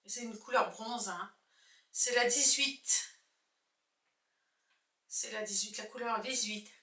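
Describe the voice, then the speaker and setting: A woman's voice: fairly high pitch, steady tone, slow pace, pushed and bright. A woman chatting casually through a makeup tutorial, thinking aloud as she shows each product. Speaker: makeup vlogger. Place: indoors at home, husband filming. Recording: echoey room from far off.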